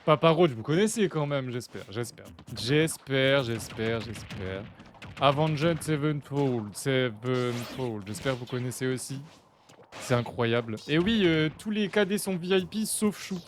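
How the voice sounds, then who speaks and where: A young man chatting casually on his live stream, excitable and talking to his chat while watching matches. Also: medium pitch, measured pace, slight background noise.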